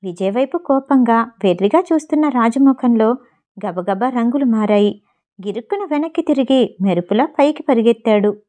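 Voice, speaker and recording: A woman narrating a Telugu family story in a steady, expressive reading style. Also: a little high, normal speed. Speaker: audiobook narrator.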